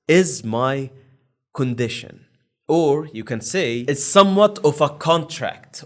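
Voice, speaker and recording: A young man hosting his own channel, explaining in a casual, rambling monologue with many fillers and restarts. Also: fairly high pitch. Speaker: YouTube channel host.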